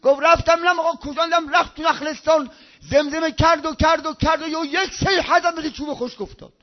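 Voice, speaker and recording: A man preaching a religious sermon over a loudspeaker, telling a story with passionate outbursts and hushed low passages. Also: fairly even intonation. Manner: impassioned, swinging between loud outbursts and hushed low tones. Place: speaking over a loudspeaker in Qom. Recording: dull lo-fi recording.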